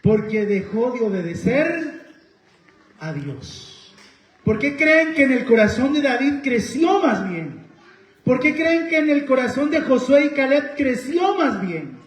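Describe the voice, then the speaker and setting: A man's voice: very high-pitched, very animated, a little slow. A man with a Honduran Spanish accent preaching a sermon, asking the congregation questions and telling personal stories. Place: church hall. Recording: echoey church hall.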